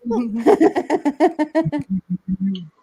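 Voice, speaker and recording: Australian woman, high voice, swooping animated delivery, chatty storyteller, video call. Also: extremely slow. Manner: animated, laughs often, acts out quoted voices. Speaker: livestream host. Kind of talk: casual storytelling chat.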